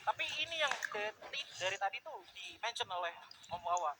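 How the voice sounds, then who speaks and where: A man's voice: high voice, animated, fairly quick. A man with an Indonesian accent giving wordy analytical esports commentary sprinkled with English gaming terms. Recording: noisy live event ambience.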